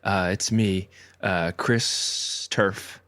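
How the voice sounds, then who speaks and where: A hesitant on-course golf reporter who rambles and fills his pauses in parody sports commentary, played by a man. His voice sits at an ordinary pitch, and the sound is dry and close. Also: fairly even intonation, fairly bright tone, no echo, heavily acted.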